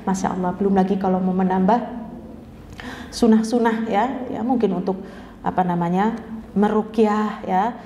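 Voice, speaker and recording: A woman's voice: medium pitch, steady tone, normal speed, pauses often, warm tone, slight background noise. A woman teaching a religious study lecture in a chatty way, often checking in with her listeners. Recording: echoey hall with long reverb, dull sound.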